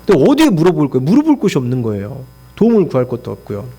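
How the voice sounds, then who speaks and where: A man's voice: on the high side, huge pitch swings, very fast, warm tone. A middle-aged male pastor preaching a sermon, telling stories with animation and acting out complaints and prayers in his own voice, often putting rhetorical questions to the congregation.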